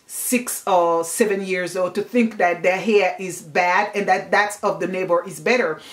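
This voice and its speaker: A woman, giving an earnest, emphatic book review in a casual vlog. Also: mid-range voice. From Congo. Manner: earnest, emphatic, repeats herself while thinking. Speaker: book vlogger.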